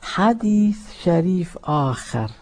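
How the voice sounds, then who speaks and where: A man preaching a sermon, swinging from loud declaiming to hushed, quick asides. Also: high voice, expressive.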